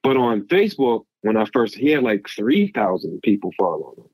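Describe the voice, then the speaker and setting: A man's voice: lowish voice, very animated, brisk, darkish tone, husky, no echo, poor audio. Rambling, emphatic man in a dry recording. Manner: rambling, emphatic, advice-giving. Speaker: podcast guest. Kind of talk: casual podcast conversation.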